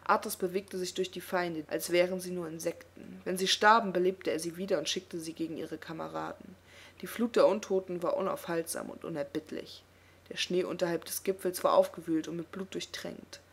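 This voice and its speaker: Husky, gravelly woman reading a fantasy novel. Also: fairly low pitch, fairly even intonation, a little fast. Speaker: audiobook reader. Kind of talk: audiobook narration.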